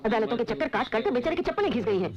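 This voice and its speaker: A woman's voice: a little high, animated, racing, crowd noise, natural voice. An actress playing an anxious village mother, soothing and worried as she talks to her children. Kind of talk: Hindi film acting. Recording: slightly muffled film soundtrack.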